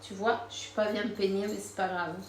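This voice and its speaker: A woman's voice: mid-range voice, level tone, normal speed, roomy sound, a little hiss or hum. A woman giving a casual spiritual card reading, chatting freely, laughing often and using many fillers. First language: Spanish. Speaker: tarot card reader.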